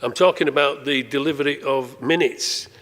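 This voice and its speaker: Guy councillor, halting, um-ing, mid voice, echoey chamber. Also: medium pitch, a bit bright. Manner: hesitant, halting.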